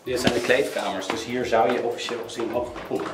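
A young man hosting a casual vlog in slangy, excitable chat, speaking into a handheld camera. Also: mid-range voice, fast, very noisy. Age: young adult. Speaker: vlogger hosting a hide-and-seek game. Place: inside a closed cinema. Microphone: handheld camera at arm's length.

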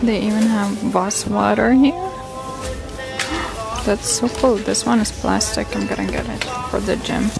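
A young woman talks into a handheld camera as she browses shops and strolls city streets, gushing excitedly over each find. Her voice has a gravelly fry and she speaks slowly. Music plays clearly behind her. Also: medium pitch, low-quality recording. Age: young adult. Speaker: vlogger. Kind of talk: casual vlog narration. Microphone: handheld camera mic.

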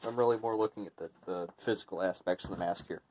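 Dark, mellow, low-voiced man reviewing casually. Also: quick pace, a little hiss or hum. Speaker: product reviewer. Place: indoor room with tiled floor.

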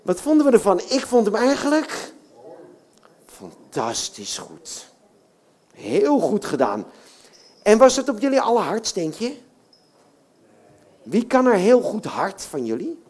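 Woman puppeteer hyping up the kids, cheerful, encouraging, really lively up-and-down voice. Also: mid-range voice, unhurried, pauses often, breathy edge. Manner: encouraging, cheerful, coaxes the crowd with "hè?". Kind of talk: leading a children's audience at a live show.

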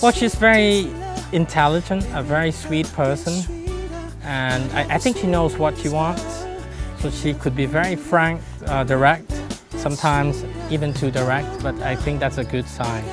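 A middle-aged Thai man recalling how he met his fiancée in a sit-down interview, pausing often with ums and uhs. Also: a little high, lively intonation. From Thailand. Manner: hesitant, many ums and uhs. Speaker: groom-to-be interviewee. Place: bright sunroom by a garden. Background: soft music.

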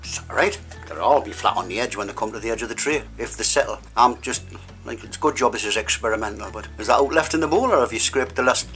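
Explaining every step while cooking alongside his daughter at home, a middle-aged man keeps up jokey, chatty kitchen banter. He talks fast with few pauses, at medium pitch and a fairly bright tone, over background music.

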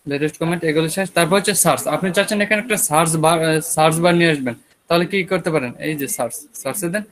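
Brisk Bangladeshi man teaching web class. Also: fairly high pitch, low-quality recording. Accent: Bangladeshi Bengali. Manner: casual, talks students through screen steps with checking questions. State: sore throat. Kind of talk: online class lecture.

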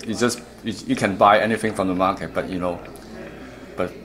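Here a Vancouver-based Canadian distributor of audio kits, a middle-aged man speaking English as a second language, explains a product informally. His low-pitched delivery stays fairly even but halting and repetitive. A crowd murmurs behind him in a hotel room at an audio show.

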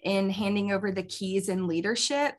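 Over a video call webcam from a small indoor office with bookshelves, a young woman who is a kids ministry pastor answers interview questions upbeat and casually, laughing often. She speaks at a moderate pace with a medium-pitched voice.

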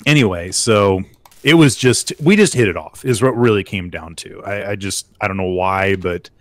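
A man with a low voice chats casually at a moderate pace while playing a co-op game with a friend, joking and trailing off with filler words. He's a gaming channel host, and the recording has no room sound.

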